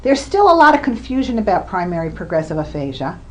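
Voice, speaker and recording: This woman's voice sits on the low side, swings widely in pitch, and moves fast. She is a researcher giving a recorded lecture on communication disorders, laying out points with examples and occasional fillers.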